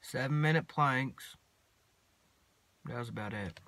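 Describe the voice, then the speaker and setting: A teenage boy, rambling casually to his phone camera from inside a parked truck, mumbling in a laid-back drawl with long pauses. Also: medium pitch, pushed and bright. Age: teens. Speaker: vlogger. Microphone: phone camera at arm's length.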